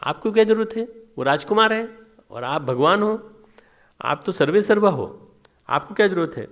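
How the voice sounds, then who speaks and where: A man's voice: sits high, lively intonation, normal speed, fairly bright tone, voice pushed up. A man voicing a proud, questioning young goddess wife, insistent in tone.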